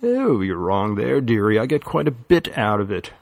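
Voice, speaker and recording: A man's voice: lowish voice, very animated, moderate pace, vocal fry, darkish tone, full character voice. A man reading an audiobook, voicing a smug, scheming teenage boy who teases with a patronizing drawl. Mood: teasing.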